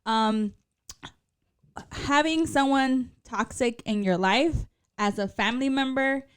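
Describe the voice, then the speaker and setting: A woman's voice: sits high, slow, clear, resonant tone. A woman in her twenties co-hosting a casual podcast, chatting and laughing often and dropping Spanish phrases into her English. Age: 20s. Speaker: podcast co-host. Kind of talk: casual chat.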